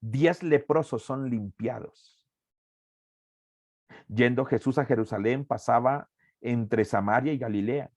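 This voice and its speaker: A man's voice: medium pitch, slow, long pauses, a little mellow, no echo. A man teaching an evangelism workshop as a preacher, earnest and emphatic, repeating key phrases.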